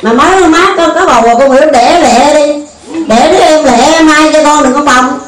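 A woman's voice: high-pitched, normal speed, a crowd in the background, close to an everyday voice. Woman putting on a sulky crying little boy. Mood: sulky, aggrieved. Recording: roomy distant recording with faint ambience.

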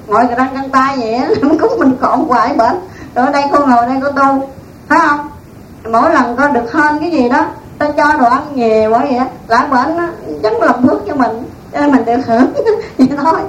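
A woman's voice: high-pitched, fairly quick. A woman, a Buddhist nun giving a dharma talk in a folksy, storytelling way. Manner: folksy, animated storytelling with laughs. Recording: echoey room, distant mic, faint noise.

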